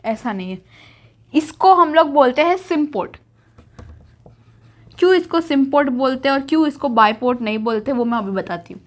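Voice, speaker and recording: Young woman teacher, high voice, chatty board lesson, keeps repeating the key terms. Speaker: biology teacher. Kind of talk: whiteboard lesson in Hindi.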